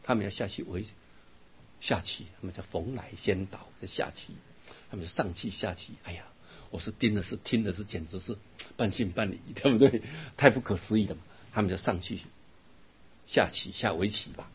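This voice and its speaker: An older man, a Buddhist monk, giving a dharma lecture, telling stories lively and turning to his listeners with asides. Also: fairly low pitch, moderate pace, slightly rough. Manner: lively storytelling with laughs and asides to the audience. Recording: dull lo-fi recording.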